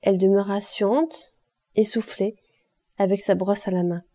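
A woman reading a classic novel aloud as an audiobook, in a measured, expressive way. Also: mid-range voice. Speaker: audiobook reader. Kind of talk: scripted narration.

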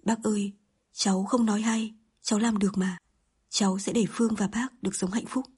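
A woman's voice: mid-range voice, steady tone, fairly quick, a little mellow, husky. A woman narrator voicing a timid young man who pleads with a shaky voice in an audiobook. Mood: pleading. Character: timid young suitor, trembling voice.

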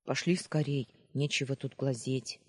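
A man's voice: mid-range voice, sing-song, measured pace, a little mellow, slightly rough. A man voicing an irritable, bossy young male sentry who barks military orders, in an audiobook reading. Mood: grumpy, pedantic.

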